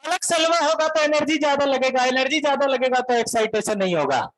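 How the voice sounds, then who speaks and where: A man voicing an indignant young male Bihari student with a Bihari accent, protesting loudly in a classroom lecture. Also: high-pitched, poor audio. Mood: indignant shouting. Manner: loud, protesting, rapid complaints.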